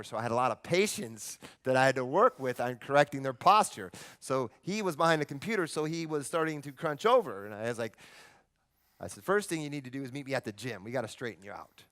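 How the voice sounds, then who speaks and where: Man, seminar presenter, smooth clear voice, emphatic, storytelling on stage. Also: mid-range voice, fairly bright tone.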